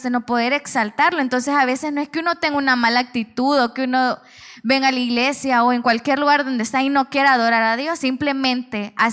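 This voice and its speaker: A woman's voice: high voice, fairly bright tone. A woman, preaching a sermon and telling a personal testimony in an earnest way, with frequent restarts.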